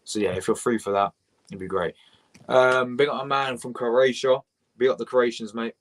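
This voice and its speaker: A young man, rambling excitably as he reacts live to a match and chats with viewers. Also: medium pitch, normal speed. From England. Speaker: fan channel host.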